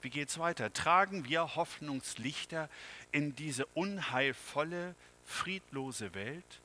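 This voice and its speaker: A man preaches a sermon, taking his time over every phrase. His tone is bright and ringing, and his voice rises to loud appeals before falling to hushed, near-whispered lines. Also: on the high side, lively intonation, low-quality recording. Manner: slow and dramatic, swings from loud to hushed whispers. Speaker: pastor.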